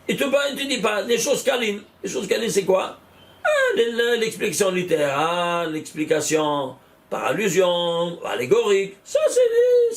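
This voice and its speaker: A man teaching a Kabbalah study class, animated, repeating numbers out loud and exclaiming in wonder as he questions his students. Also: sits high. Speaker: Torah teacher.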